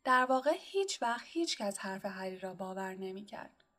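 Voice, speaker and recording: A woman narrating an audiobook in a steady, measured reading style. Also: medium pitch. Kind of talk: scripted storybook narration.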